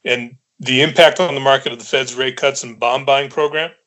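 Male podcast host, medium pitch, interview style with summarizing questions. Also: steady tone, moderate pace, a bit bright, low-quality recording.

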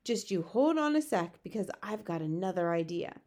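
A woman's voice: lowish voice, expressive, moderate pace, a little mellow, close to an everyday voice. A woman voicing a spirited young girl from a children's storybook, indignant and determined, speaking emphatically. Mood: excited, determined. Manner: emphatic, insistent. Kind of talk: children's storybook character reading.

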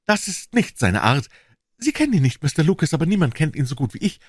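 A man's voice: fairly high pitch, sing-song, fast talker, slightly rough, no room sound, pitched above the performer's own voice. A man voicing an anxious, bitter older woman, a former nanny, in a storybook reading. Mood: bitter, grim.

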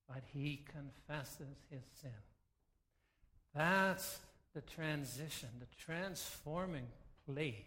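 Slow, bright-voiced male preacher. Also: on the high side. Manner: reflective, emphatic and measured. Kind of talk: sermon.

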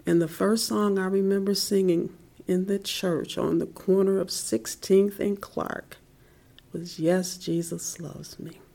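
A middle-aged woman giving a heartfelt personal faith testimony in an interview, soft-spoken and at times dropping to a whisper. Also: medium pitch, fairly even intonation, takes it slowly, vocal fry.

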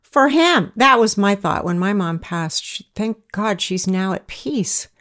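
A woman hosting an interview, responding in a warm, affirming way and wrapping up the conversation. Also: medium pitch, animated, measured pace. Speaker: podcast host.

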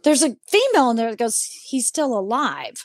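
A woman's voice: on the high side, fairly quick, dry recording. A woman co-hosting a paranormal podcast, chatting casually about the voices she caught on tape and acting them out as she retells them. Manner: animated storyteller, imitates the voices she heard. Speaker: paranormal investigator and podcast co-host. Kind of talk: casual chat reviewing ghost-hunt audio.

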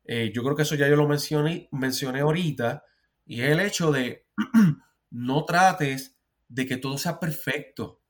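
A man's voice: fairly high pitch, measured pace. A Puerto Rican therapist, a man who talks earnestly in a casual podcast chat, often restarting and repeating words. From Puerto Rico.

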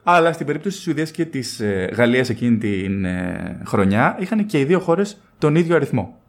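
A man's voice: medium pitch, sing-song. A man co-hosting a casual podcast chat, playful and teasing as he tells stories. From Greece. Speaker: podcast co-host.

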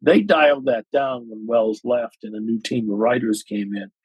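A man's voice: mid-range voice, normal speed, husky, no room sound, dull audio. A man giving casual, explanatory commentary as an expert guest in a podcast discussion. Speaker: guest expert on vintage radio and film.

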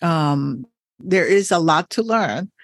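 A woman's voice: low-pitched, lively intonation, slow, no echo. A woman hosting a podcast as a coach, talking thoughtfully and encouragingly with frequent laughs. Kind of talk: reflective podcast conversation.

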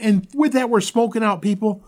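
A man's voice: sits high, normal speed, a little mellow. A man hosting a podcast, coaching listeners on sales and acting out sample phone lines. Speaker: podcast host, roofing sales expert.

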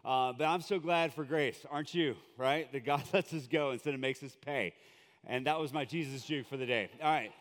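A man's voice: a little high, fairly bright tone, clear, resonant tone, big-room sound. A man from Colombia preaching as a guest in a church, in a chatty, joking way with lots of fillers. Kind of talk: conversational sermon. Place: church sanctuary.

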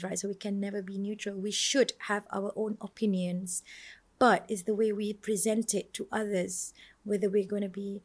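A woman's voice: mid-range voice, darkish tone. A woman in her thirties from Malaysia, hosting her own podcast in a reflective, earnest solo talk, often musing aloud with fillers and restarts. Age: 30s. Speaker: podcast host.

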